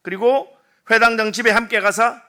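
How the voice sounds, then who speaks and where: A man preaching a Sunday sermon as pastor, telling a Bible story and out the wailing crowd in lively voices. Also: very high voice, moderate pace. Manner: animated storytelling, acting out crowd and mourners. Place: church sanctuary.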